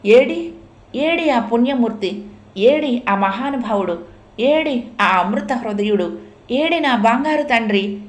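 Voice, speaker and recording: A woman's voice: mid-range voice, a little slow, lightly acted. A woman playing a wailing old blind mother. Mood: melodramatic. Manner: wailing, melodramatic cries. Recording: roomy echo.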